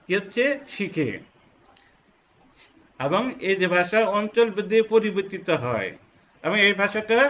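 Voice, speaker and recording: A man lectures in an online class. His voice sits high and rings bright and forceful. He explains slowly and repeats his points, over a dull, lo-fi recording. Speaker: teacher.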